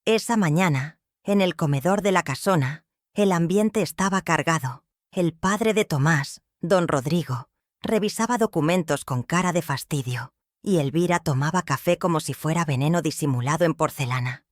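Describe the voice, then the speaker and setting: A woman narrating a scripted family drama in a measured, dramatic way. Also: sits low, dry recording, clean studio sound.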